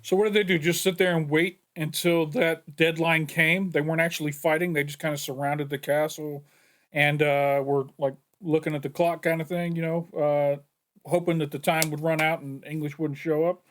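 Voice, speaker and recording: A man hosting a reaction video, chatting casually and pausing often with fillers as he thinks aloud. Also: on the high side, flat delivery, fairly bright tone. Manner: chatty, with frequent fillers and hesitations.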